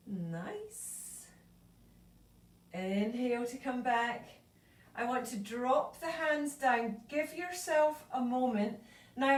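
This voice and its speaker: A woman leading a yoga class, calmly cueing breath and movement, a little out of breath. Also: sits high. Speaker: yoga instructor. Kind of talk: live online yoga class instruction. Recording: echoey room, voice from far off.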